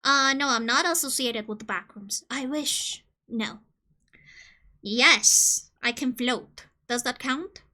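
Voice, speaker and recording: A Colombian woman streams casually, joking around and reading game questions aloud. Her voice is high-pitched and she takes things slowly, though she breaks into sudden loud squeals.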